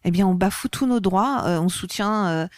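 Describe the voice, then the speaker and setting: Speaking at a normal pace with a medium-pitched voice, a woman from France joins an interview podcast as an activist guest. The recording is dry, and her passionate delivery grows more heated and forceful as the conversation goes on.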